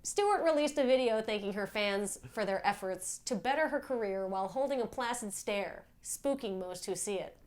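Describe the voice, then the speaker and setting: A woman doing a brisk mock news anchor. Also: mid-range voice, animated, natural voice. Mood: deadpan. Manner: crisp newsreader delivery.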